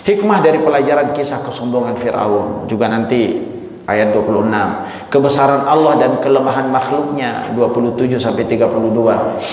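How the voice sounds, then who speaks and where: A man giving a sermon as a religious teacher, swinging his pitch dramatically and speaking straight to his listeners. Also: moderate pace, darkish tone. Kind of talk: mosque sermon on a Quran chapter. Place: mosque hall. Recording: echoey mosque hall, faint ambience.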